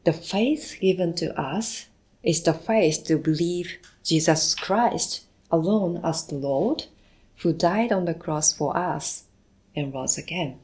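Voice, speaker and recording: A woman giving live English interpretation of a sermon, slow and measured, now and then correcting herself mid-phrase. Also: on the low side, a little mellow. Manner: slow, measured delivery with occasional self-corrections.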